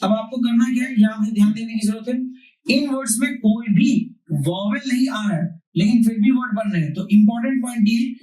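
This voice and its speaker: A man's voice: very high-pitched, a little fast, warm tone. A man teaching a grammar class. He repeats key points and asks questions that he then answers himself. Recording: roomy, distant mic.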